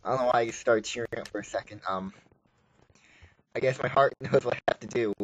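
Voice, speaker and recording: A man's voice: mid-range voice, fast talker, breathy edge, muffled recording. A man giving casual gameplay commentary as a video host, rambling and joking, with frequent exclamations. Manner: rambling, jokey, exclaims often. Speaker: gaming YouTuber.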